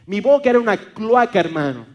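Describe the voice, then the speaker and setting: High-voiced Venezuelan preacher man. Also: sing-song, a little fast, darkish tone, highs cut off. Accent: Venezuelan, Maracaibo. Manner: repeats words and stammers fillers, calls listeners brother. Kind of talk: sermon.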